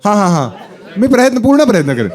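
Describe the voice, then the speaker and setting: Stand-up comic, male, teasing crowd work on a stage mic, high and lively. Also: rapid-fire. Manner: teasing, playful, chatty with audience. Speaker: stand-up comedian. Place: live comedy show with audience. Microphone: handheld stage mic. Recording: live show with loud crowd laughter.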